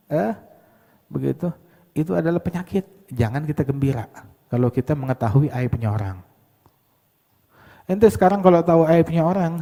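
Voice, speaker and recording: A male preacher giving a lively sermon, acting out mocking voices and sometimes shouting. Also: on the high side, in a large hall. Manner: animated, acts out mocking voices, shouts at times.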